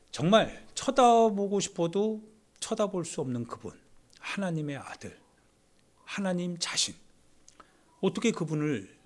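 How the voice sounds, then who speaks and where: A male pastor preaching a sermon with strong emotion, dropping to hushed whispers and rising to loud exclamations, repeating phrases for emphasis. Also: on the high side.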